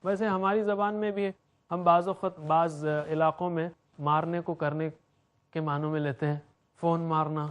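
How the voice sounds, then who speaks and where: A man teaching Quranic Arabic grammar, drilling verb forms in a rhythmic chant and explaining in between. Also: fairly high pitch.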